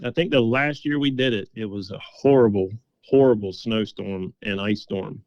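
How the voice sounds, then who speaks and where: A man's voice: lowish voice, moderate pace, darkish tone, no room sound, muffled recording. A middle-aged man being interviewed, telling stories in a folksy, casual, conversational way. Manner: folksy, quotes past conversations as dialogue. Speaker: interview guest, game call maker.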